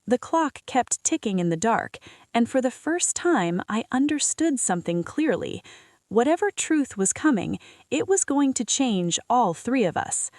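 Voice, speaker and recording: A woman narrates a scripted, emotional story in the first person. Her voice sits on the high side and moves very expressively up and down. The sound is dry, with no room around it. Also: very animated, a little slow, a little mellow, no echo.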